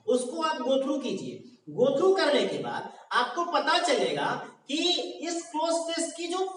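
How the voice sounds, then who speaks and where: Male tutor, lively pitch, patient and repetitive, recorded far off in a very echoey room. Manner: explains patiently, repeats phrases, asks rhetorical check questions. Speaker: teacher. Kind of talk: exam coaching lesson.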